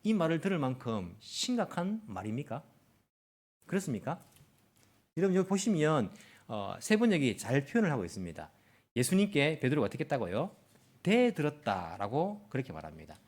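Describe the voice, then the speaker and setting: A male pastor giving a Sunday sermon in a church, often asking the congregation questions and acting out quoted lines. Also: brisk. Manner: animated, acts out quoted lines with rising pitch; asks the congregation frequent questions. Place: church in Tokyo.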